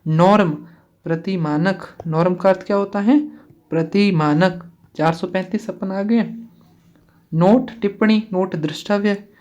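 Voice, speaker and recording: A woman teaching an exam-prep vocabulary lesson, reading each term and its meaning, repeating answers and asking quick questions to drill her students. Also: medium pitch, darkish tone, muffled recording. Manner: asks the class quick questions, casual asides.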